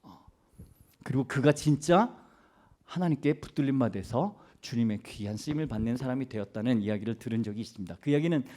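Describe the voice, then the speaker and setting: A man's voice: medium pitch, lively intonation, brisk, a little mellow. A man, a missionary preacher, telling a story in a conversational sermon with chatty asides to his listeners. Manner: chatty, many fillers and restarts, asides to the audience.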